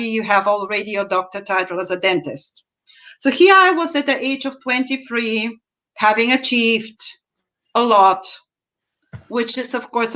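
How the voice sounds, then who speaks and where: On a video call from her home, a woman in her fifties with a Bulgarian accent answers interview questions and tells her personal story. She sounds pushed and bright, on the high side, speaking measuredly and deliberately with emphatic rises.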